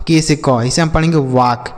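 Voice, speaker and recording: A man with a Hindi accent teaching children to read English, spelling out letters slowly and then asking and answering his own questions. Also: fairly high pitch, long reverb tail.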